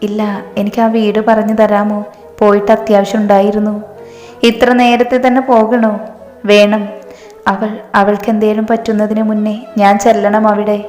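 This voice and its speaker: A woman's voice: mid-range voice, little pitch movement, normal speed, darkish tone, lightly acted. A woman voicing a frightened young woman seeking refuge, speaking in an anxious, guarded way. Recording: roomy reverb, faint music.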